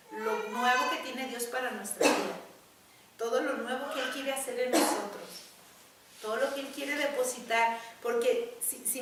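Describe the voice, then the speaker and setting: A woman preaching, her voice high and bright. She speaks emphatically, repeating words and addressing the congregation directly. The sound rings through a large echoey church hall, picked up from well away from the mic. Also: far from the mic, a little hiss or hum. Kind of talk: sermon.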